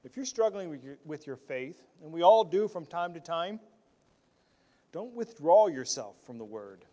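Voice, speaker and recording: A pastor preaching a sermon, earnest, often repeating words as he restarts, moving between loud stressed phrases and quiet asides. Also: on the high side, big pitch swings, moderate pace.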